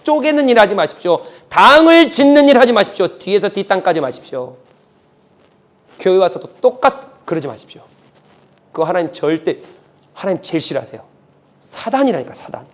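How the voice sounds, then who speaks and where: A male pastor preaching a sermon, emphatic and repetitive, dropping from loud urging to a hush. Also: sits high. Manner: emphatic, repetitive, swings between loud and hushed.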